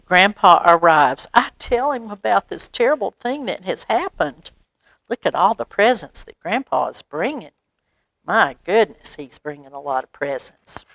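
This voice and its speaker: Reading a picture book for library storytime, this American woman draws words out and slips in little explanations for the kids. She has a fairly low, slightly bright voice, and the recording is dry.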